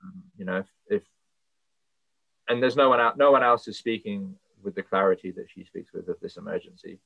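A podcast guest with a low, creaky voice speaks briskly and in a steady tone, thinking aloud with fillers in an earnest, passionate interview. It sounds like a tinny phone line, completely dry with no room sound.

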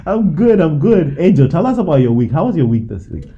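A man's voice: on the high side, very animated, fairly quick, mellow, highs cut off. A man hosting a casual group podcast, upbeat and teasing, often laughing as he talks. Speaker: podcast host.

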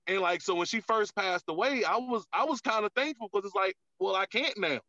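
A man's voice: high voice, animated, fairly quick, sharp tone, dry recording. A man, a comedian guest on a podcast, talking candidly in casual chat with lots of filler words. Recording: dull, lo-fi, dry sound.

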